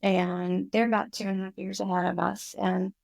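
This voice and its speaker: Gravelly-voiced woman telling her story. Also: mid-range voice, moderate pace, no echo. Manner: animated, emotional storytelling. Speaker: guest, recovery school founder. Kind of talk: personal storytelling in a podcast interview.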